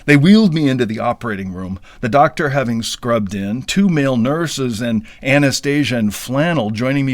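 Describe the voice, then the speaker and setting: A mid-range male voice, dry recording: a podcast storyteller from the US Midwest recounts something funny that happened to him. His comic telling is wry, self-mocking and playfully dramatic.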